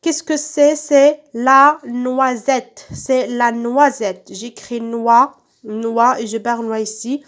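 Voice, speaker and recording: A woman's voice: fairly high pitch, steady tone, takes it slowly, a little mellow. A woman teaching young pupils in a recorded lesson, stretching out and repeating each word so children can follow. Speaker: primary school teacher. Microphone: phone.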